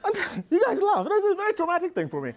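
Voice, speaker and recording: A middle-aged man giving a motivational business talk to a live audience, telling a story in a lively, conversational way. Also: very high voice, fast. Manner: animated, conversational storyteller with frequent "you know". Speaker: business speaker. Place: live presentation before an audience.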